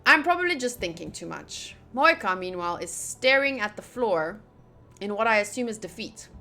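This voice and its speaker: Sing-song and mid-range, a young woman's pushed, bright voice moves at a moderate pace. She's streaming a game playthrough against game music, keeping up chatty commentary, voicing the on-screen text and tossing in jokes.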